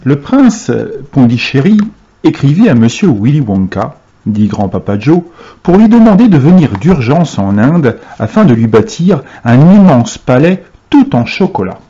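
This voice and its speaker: A man reads a children's novel aloud with expressive storytelling. His pitch moves lively, and his tone is mellow and dark. The recording sounds dull and muffled. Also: a little slow, husky. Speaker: reader for a class.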